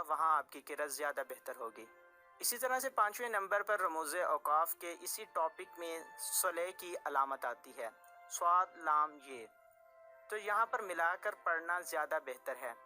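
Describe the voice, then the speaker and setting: A teacher gives a tajweed lesson in a clear, bright voice. The delivery is patient and repetitive, and each rule is restated several ways. Faint music sits quietly under the talk. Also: mid-range voice. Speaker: Quran recitation teacher.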